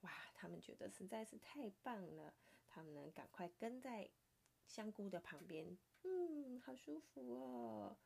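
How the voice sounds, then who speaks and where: A woman with a Taiwanese Mandarin accent reading a picture book aloud to her child, playful and animated, sometimes dropping to a soft whisper. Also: mid-range voice, normal speed, gravelly, slightly rough.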